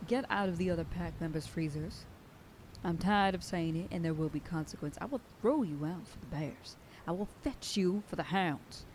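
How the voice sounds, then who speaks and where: With a somewhat low, slightly mellow voice and a touch of hiss or hum, a woman voice actor performs an ASMR roleplay as a bossy werewolf sheriff. Lightly acted, she sternly commands and lectures her pack in a warning tone, occasionally whispering.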